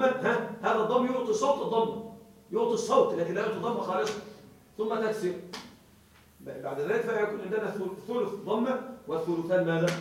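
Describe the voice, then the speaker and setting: A man teaching a grammar class, explaining slowly, repeating key words and checking that students follow. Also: sits high, a little hiss or hum. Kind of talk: classroom lecture. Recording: very echoey room, voice far from mic.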